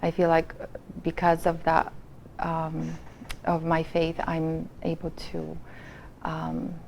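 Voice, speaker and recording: Low, gravelly-voiced woman painter. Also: slight background noise, rough recording. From Poland. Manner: soft-spoken, halting, with fillers and restarts. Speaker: painter and nurse interviewed as guest. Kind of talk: casual interview talk.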